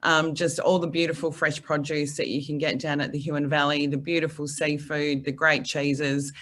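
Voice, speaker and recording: A woman's voice: deep voice, little pitch movement, moderate pace, fairly bright tone, rough recording. An Australian businesswoman speaking on a conference panel. She talks with enthusiasm, filling her sentences with ums and you-knows. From Queensland. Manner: enthusiastic, many fillers. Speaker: panelist, finance platform representative. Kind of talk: panel answer.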